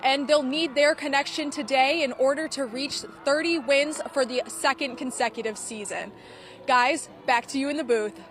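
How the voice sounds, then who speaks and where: A woman sideline reporter reading a scripted feature segment in a smooth, polished delivery. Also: high-pitched, moderate pace, fairly bright tone.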